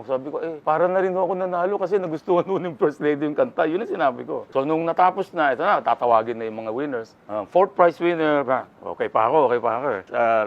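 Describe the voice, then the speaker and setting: A man's voice: on the high side, highs cut off. An older man from the Philippines, a guest in an interview, telling his story casually and acting out the voices of the people in it.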